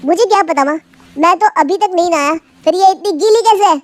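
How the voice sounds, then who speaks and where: A woman voicing a touchy young brother-in-law who complains loudly and quickly loses his temper. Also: very high-pitched, no room sound, voice pushed up. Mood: angry.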